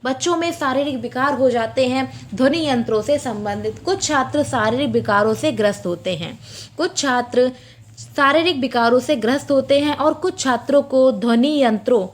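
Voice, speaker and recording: A woman with a high voice gives an exam-prep lecture. She repeats each point slowly, then asks her own questions and answers them. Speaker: teacher.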